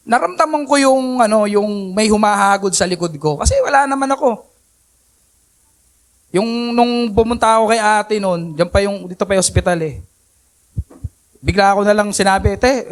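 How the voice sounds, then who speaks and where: A man preaching at a Sunday service, telling his own story of faith in an earnest, storytelling way and acting out his own prayers. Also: high-pitched. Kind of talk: personal testimony sermon. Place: church worship service.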